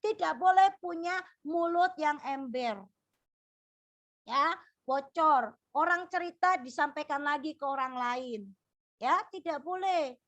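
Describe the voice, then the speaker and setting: A woman's voice: high voice, slow pace, long pauses, a bit bright. A middle-aged woman giving a firm, admonishing sermon-style lecture to ministry students, tagging her sentences with a frequent "ya". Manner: firm, admonishing, repeats "ya" often.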